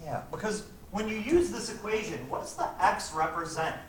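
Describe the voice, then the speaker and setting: A man's voice: high-pitched, expressive, moderate pace, fairly bright tone. A male physics teacher lecturing a class, often checking in with "right?" and "okay?". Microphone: camera at a distance. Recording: echoey classroom, distant mic, faint noise.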